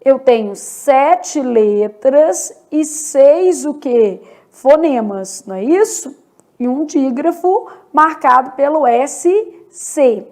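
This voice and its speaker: A Brazilian woman teaching a Portuguese grammar lesson, slow and deliberate, asking questions and answering them herself. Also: high voice, lively intonation, darkish tone. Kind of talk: exam-prep grammar lesson.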